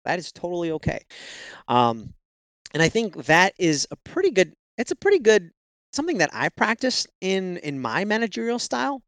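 Male podcast guest with a gravelly voice, speaking casually and haltingly. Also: fairly high pitch, no echo. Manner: halting, repeats words and restarts phrases. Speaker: podcast guest, SEO consultant.

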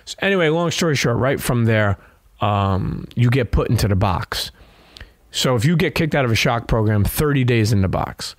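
A man's voice: mid-range voice, animated, moderate pace, no room sound, studio quality. A middle-aged man with a Brooklyn New York accent, telling stories candidly as an interview guest in a streetwise, profane way peppered with "you know.". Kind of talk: candid conversational storytelling.

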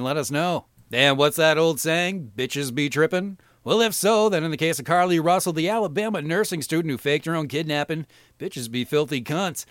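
A man's voice: fairly high pitch, no echo, studio quality. A middle-aged man hosting a podcast, reading crude satirical news with a profane, mocking, sarcastic delivery. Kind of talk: crude comedic news parody.

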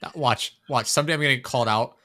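A man jokes in casual chat with quick, sarcastic, profane riffs. He talks fast. The recording sounds dry and close, with no room echo. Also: mid-range voice, bright, forceful tone.

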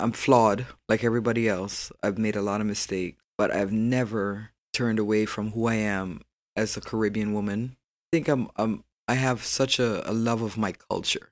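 A woman, a podcast guest talking in a proud, emphatic way. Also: extremely low pitch. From Barbados. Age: 40s. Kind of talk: casual interview chat.

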